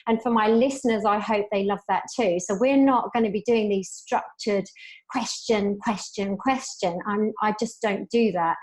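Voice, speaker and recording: Speaking at a normal speed with a medium-pitched voice, a woman who coaches business hosts a conversational podcast. She gushes with enthusiasm as she introduces her guest and asks questions in a relaxed interview.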